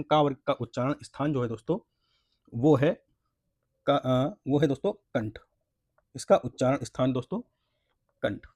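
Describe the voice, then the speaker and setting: A man's voice: fairly high pitch, dry recording, studio quality. Man teaching syllables, repeating himself. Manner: repeats points, asks and answers own questions, says "friends" often; spells out syllables slowly for practice. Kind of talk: exam-prep Hindi lesson.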